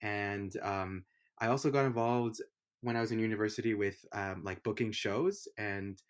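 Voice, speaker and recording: A man's voice: lowish voice, normal speed. A young man from Honduras, a music producer, talking casually in an interview with plenty of fillers and restarts. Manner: relaxed, rambling with many fillers. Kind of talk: conversational interview.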